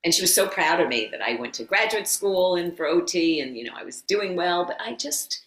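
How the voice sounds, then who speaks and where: Animated woman guest in a roomy echo. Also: lowish voice, fairly quick. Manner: animated storyteller who acts out quotes and laughs often. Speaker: yoga teacher and former occupational therapist. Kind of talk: guest storytelling in a casual interview.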